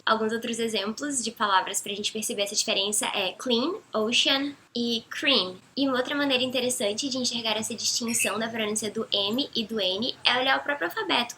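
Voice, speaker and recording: A young woman with a Brazilian Portuguese accent, teaching English pronunciation in a clear, patient explaining style. Her voice sits a little high and sounds bright and crisp, and she slows down carefully for each English example. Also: a little hiss or hum. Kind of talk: explanatory language lesson.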